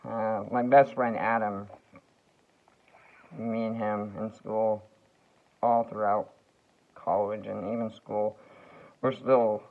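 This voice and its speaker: A man rambling through a slow, halting vlog monologue full of fillers and restarts. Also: lowish voice, flat delivery, creaky. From United States. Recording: tinny phone-like sound.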